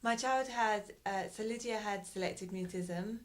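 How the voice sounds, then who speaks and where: A native English-speaking woman with a mid-range voice is interviewed as a parent in a casual conversation. She talks thoughtfully yet hesitantly, pausing often and restarting her sentences.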